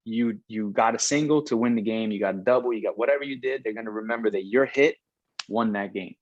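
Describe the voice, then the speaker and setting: Middle-aged guy with a lowish voice chatting casually, rambles and restarts a lot, dry sound. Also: fast, no room sound, highs cut off. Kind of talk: casual conversation about baseball.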